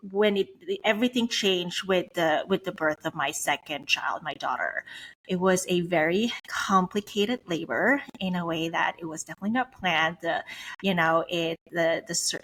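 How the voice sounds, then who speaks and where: A woman's voice: lowish voice, a bit bright. A middle-aged woman from Switzerland, a business coach interviewed as a podcast guest, telling her story candidly. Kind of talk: conversational interview.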